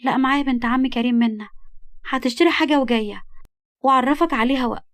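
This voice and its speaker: A woman's voice: high voice, quick pace, no room sound. A woman with an Egyptian accent voicing a timid, hurt young wife who talks pleadingly. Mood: gentle. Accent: Egyptian Arabic.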